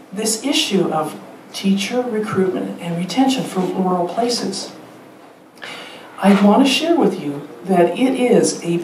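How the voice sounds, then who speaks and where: A woman teacher educator giving a staged public talk, lively and emphatic, with rhetorical questions and light laughter. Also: mid-range voice, a little hiss or hum. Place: theater stage. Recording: roomy theater sound heard from a distance.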